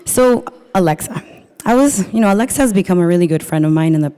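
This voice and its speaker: Woman from Peru, workshop presenter, low-pitched, warm mellow tone, chatty storytelling, long hall reverb. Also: expressive, fast, clear, resonant tone. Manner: chatty storytelling, polls the audience with questions. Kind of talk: live marketing workshop talk. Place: event room with a live audience.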